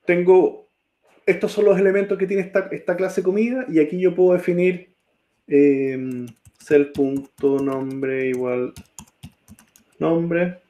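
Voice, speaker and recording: A man teaches a coding lesson at an unhurried, drawn-out pace. His voice sits a little high for a man but sounds soft and mellow. Keyboard clicks come through as he types and keeps checking in with his class. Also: fairly even intonation, highs cut off. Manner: slow, checks in often with students. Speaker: programming teacher.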